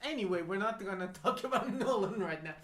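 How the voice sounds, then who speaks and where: A co-host of a film podcast, chatting about movies in a relaxed, conversational way. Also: medium pitch, brisk. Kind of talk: casual film chat. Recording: echoey room with faint noise.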